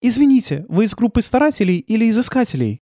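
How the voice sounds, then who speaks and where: A man's voice: sing-song, fast talker, warm tone, no room sound, clean studio sound. A man voicing an anxious young woman in an audiobook, asking urgent, nervous questions in a raised voice. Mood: polite, nervous. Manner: pitched up high, urgent questions.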